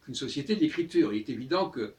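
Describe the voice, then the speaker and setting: A man's voice: medium pitch, lively intonation, fast, darkish tone, recorded from a distance. An older man hosting a talk channel, musing in a casual monologue with frequent hesitations and repeated words.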